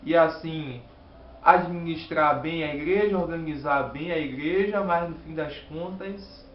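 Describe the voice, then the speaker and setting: A fairly high-voiced man from Bahia with a Bahian Brazilian accent walks through a Bible lesson slowly and earnestly, leaning on key words. His voice sits in a roomy space on a muffled recording with a faint hiss behind it. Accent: Bahian Brazilian Portuguese. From Salvador, Bahia, Brazil. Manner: earnest, measured teaching with pauses and emphasis. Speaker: Sabbath School teacher and lay preacher.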